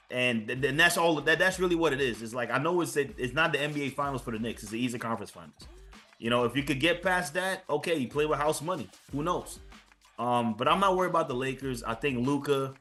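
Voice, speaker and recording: A man's voice: medium pitch, brisk, bright, forceful tone, soft background music. A man co-hosting a sports podcast in casual chat, joking and sarcastic, often stumbling and repeating words. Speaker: podcast co-host.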